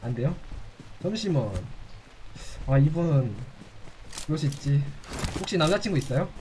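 A man's voice: a little high, lively intonation, moderate pace, dark tone, slight background noise, rough recording. A man chatting casually on a game live stream, with playful, flirtatious banter.

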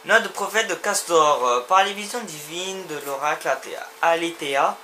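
A young man casually commenting on his gameplay, excitable and talking back to the characters on screen, often repeating himself. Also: a little high, moderate pace, a little hiss or hum. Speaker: let's play gamer.

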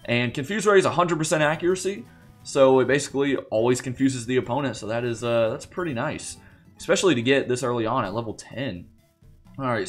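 A man's voice: mid-range voice, fairly bright tone. Groggy young man in casual game commentary. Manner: chatty, rambling, many fillers and restarts. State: groggy morning voice. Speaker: gaming channel host. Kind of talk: casual let's play commentary. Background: faint game music.

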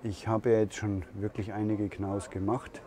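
Male vlogger, low voice, unhurried room-tour delivery, busy fair crowd behind. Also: flat delivery. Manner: slow, thinking aloud with fillers and pauses. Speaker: camper van reviewer. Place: camper van at a busy trade fair hall. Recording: crowd noise of a trade fair. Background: crowd chatter of a fair.

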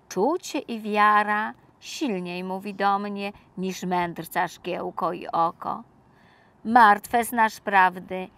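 A woman, a local resident, reciting a ballad in an earnest, measured way. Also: mid-range voice, a bit bright. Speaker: resident reader. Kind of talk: poetry recitation.

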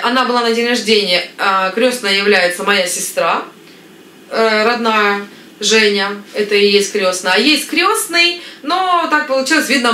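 Chatty bright-voiced woman in her thirties. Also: mid-range voice, reverberant, a little hiss or hum. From Ukraine. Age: 30s. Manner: chatty, lively, gestures with hands. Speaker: family vlogger. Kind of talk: casual chat to camera. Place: living room with floral curtains, indoors.

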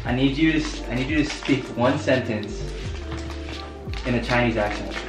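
A man's voice: medium pitch, normal speed. A man casually asking a friend a series of questions. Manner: quizzing, prompting. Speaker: question asker. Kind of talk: casual chat. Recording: echoey room with background music.

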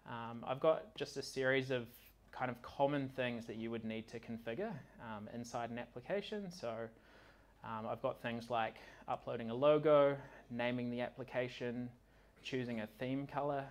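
A software consultant gives an informal live technical demo at a meetup, in an indoor venue with large windows and a projector screen. His voice is mid-range in pitch for a man, and his casual delivery turns slightly halting as he operates the software while speaking.

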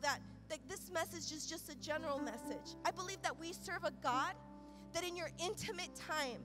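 Woman pastor, high voice, impassioned sermon over clear music, swings loud to soft. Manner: impassioned, swings between loud urgent peaks and soft quiet passages; repeats and restarts phrases while preaching. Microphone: microphone.

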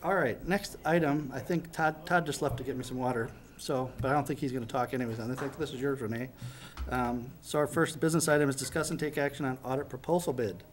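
A man's voice: medium pitch, fairly even intonation, fast talker, rough recording. A middle-aged man leading a village board meeting, reading formal proclamations at a podium and correcting small slips as he goes. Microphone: podium microphone.

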